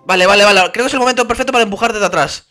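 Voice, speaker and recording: A man's voice: sits high, racing, over music. A man, chatting and laughing playfully during co-op gameplay as a gaming YouTuber. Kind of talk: casual co-op gameplay chat.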